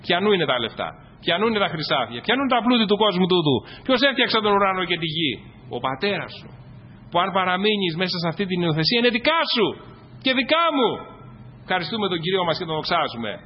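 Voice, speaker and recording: A man preaching a sermon to his congregation, rising to loud exclamations and dropping to quiet asides. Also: sits high, sing-song, slightly rough. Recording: dull, echoey hall with faint noise.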